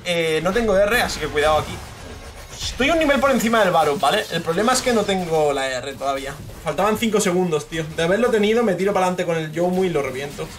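Excitable young Spaniard ranting over gameplay. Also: male voice, a little high. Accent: Spain Spanish. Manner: excitable, swears, frustrated rants at teammates. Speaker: gaming streamer. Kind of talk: live gameplay commentary.

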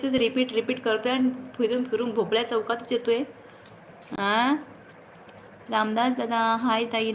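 Woman, chatty livestream host, fairly high voice, faint background hum. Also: fairly bright tone, rough recording. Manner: greets viewers by name, chatty and teasing. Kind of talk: casual live chat reading comments.

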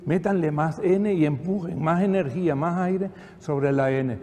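A man's voice: fairly high pitch, unhurried, warm tone. Older male choir director, echoey hall. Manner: patient, encouraging, with dry humor. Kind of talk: choral rehearsal instruction. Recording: echoey hall, faint background noise.

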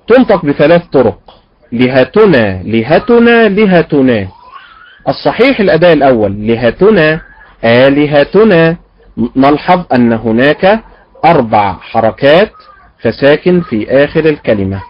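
A man teaching recitation, repeating words slowly to model their pronunciation and quizzing his students. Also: a little high, muffled recording. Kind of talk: online recitation lesson.

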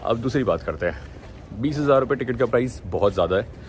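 Speaking fast in a mid-range voice, a young Pakistani vlogger talks to his arm's-length phone in a relaxed travel review, blending English phrases into his speech. Airport and cabin noise fills the indoor recording.

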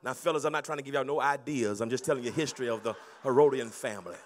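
A middle-aged man preaching a sermon on a handheld mic in a large banquet hall, moving between hushed storytelling and loud shouting. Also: mid-range voice, racing, slight background noise. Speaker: pastor.

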